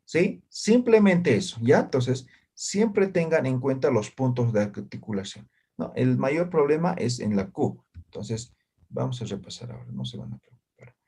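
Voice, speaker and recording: A man teaching a language class over a video call. He is patient, checks in constantly with short tag questions, and says practice syllables loudly and distinctly. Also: mid-range voice, lively intonation, normal speed, slightly rough. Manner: patient, ends phrases with "¿ya?" and "¿no?". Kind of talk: online class.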